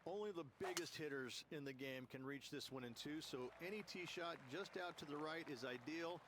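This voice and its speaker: A man's voice: on the high side, normal speed, noisy background. Chatty, jokey male golf analyst. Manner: chatty and jokey, laughs easily. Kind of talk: sports color commentary.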